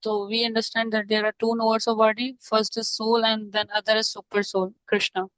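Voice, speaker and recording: A woman student answers a question in an online class, tentative and full of fillers. Her voice is slightly high and very flat, recorded close and dry. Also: fairly quick, dry recording, rough recording.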